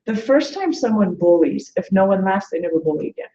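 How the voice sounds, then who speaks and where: Speaking a little fast in a warm, medium-pitched, sing-song voice, this late-40s woman appears as a webinar guest with a motivational, conversational coaching style, earnestly using quoted remarks to make her points. The webinar audio is muffled and echoey, with a little hiss or hum.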